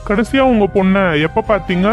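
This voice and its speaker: A man voicing a calm, matter-of-fact young man in a cartoon serial. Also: high voice, fairly quick, natural voice. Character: young man, shopkeeper and police officer. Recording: dull lo-fi with music.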